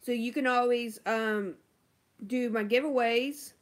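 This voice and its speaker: A woman's voice: on the high side, fairly even intonation, takes it slowly. A woman beauty vlogger chatting casually on a livestream, answering viewer comments with lots of ums and likes.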